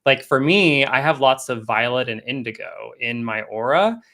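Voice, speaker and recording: A man speaking as a guest coach in a casual live-stream interview, relaxed, with many fillers and restarts. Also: medium pitch, normal speed, gravelly. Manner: laughs often. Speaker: guest coach and energy healer.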